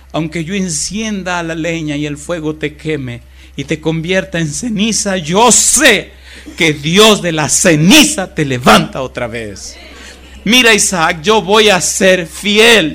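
A man's voice: a little high, voice pushed up, lightly acted. A man voicing the aging father Abraham in a sermon, speaking with solemn, pleading resolve.

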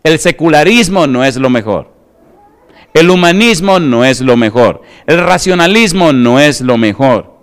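A man's voice: a little high, animated, a little slow, clear, resonant tone. A middle-aged male pastor preaching a sermon, emphatic and firm, who keeps putting rhetorical yes-or-no questions to the congregation.

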